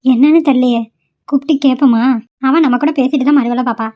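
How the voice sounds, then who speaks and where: A woman's voice: high-pitched, fairly even intonation, fast talker, lo-fi sound. A woman voicing caring young female college students in a homemade cartoon, coaxing and pleading with a friend. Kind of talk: amateur cartoon voice acting.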